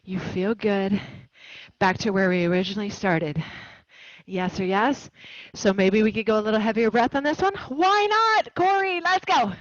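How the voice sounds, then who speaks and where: A woman's voice: mid-range voice, normal speed, dull audio. A woman instructing an indoor cycling class, encouraging and commanding as she calls out cues and countdowns. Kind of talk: motivational fitness class coaching. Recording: loud music over the voice. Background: loud pop workout music.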